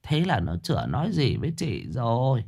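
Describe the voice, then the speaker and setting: A man voicing a hushed, gossiping old woman. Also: mid-range voice, huge pitch swings, moderate pace, gravelly, breathy edge, exaggerated voice. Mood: secretive. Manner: hushed, conspiratorial.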